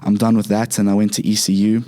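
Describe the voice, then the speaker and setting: Young zimbabwean guy on a podcast, lowish flat voice, lots of ums. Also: fast talker. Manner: relaxed, frequent fillers and restarts. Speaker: podcast guest, fighter. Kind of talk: casual interview talk.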